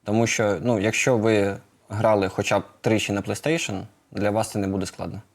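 A man's voice: on the low side, level tone, brisk, creaky. A man answering questions as a studio guest in a live interview, hesitant with many filler sounds. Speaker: production head of a drone maker, guest.

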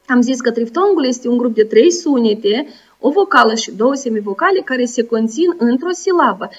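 A woman teacher giving a recorded school lesson, pronouncing sounds and syllables slowly and carefully. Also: fairly high pitch, expressive, far from the mic. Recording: dull lo-fi sound, voice set back, soft music. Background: soft background music.

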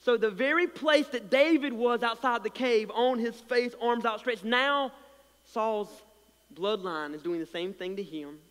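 A man preaching in a church sanctuary, his voice sitting high for a man and carrying a slight lisp. He surges loud with passion, then drops almost to a murmur, stacking repeated words as he builds. A long reverb trails every phrase. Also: measured pace, clear, resonant tone. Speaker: pastor. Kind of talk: sermon.

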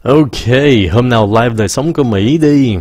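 A man giving a casual live-streamed English pronunciation lesson, stopping to say words slowly and mixing English phrases into his talk. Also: medium pitch, darkish tone, dry recording.

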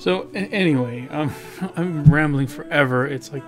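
A man talks through his digital painting in a loose, rambling voice-over, stumbling over his words and teasing himself. His voice sits a little on the higher side. Guitar music plays clearly behind him. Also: moderate pace. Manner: rambling, filler-heavy, self-deprecating. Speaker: digital painter and video host. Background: background guitar music.

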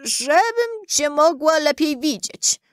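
A woman voicing a greedy, sly wolf for a storybook reading, drawing the words out slowly. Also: sits high, very animated, no echo, clean studio sound, voice pushed up, full character voice. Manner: slow, drawn-out, sly delivery.

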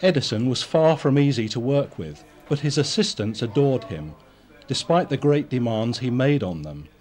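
Man narrating a documentary, lively pitch. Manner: measured, even storytelling. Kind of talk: scripted narration.

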